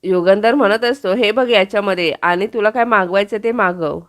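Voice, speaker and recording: Woman, Marathi accent, serial recap reading, steady plain delivery, mid-pitched voice. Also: moderate pace. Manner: reads every character's lines in her own voice.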